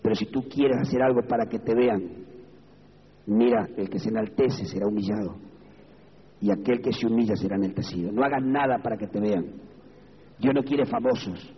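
Folksy Argentine preacher in echoey hall. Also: male voice, husky. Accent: Argentine Spanish. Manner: lively, folksy, breaks into high shouted bursts. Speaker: evangelical preacher. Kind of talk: sermon. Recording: dull echoey hall recording.

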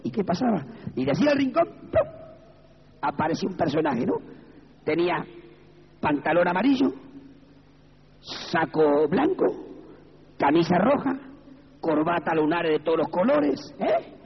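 A man with an Argentine Spanish accent preaching a lively, folksy sermon in a church hall, breaking into high shouted bursts. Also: a little slow, vocal fry, pauses often, breathy edge. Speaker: evangelical preacher. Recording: dull echoey hall recording.

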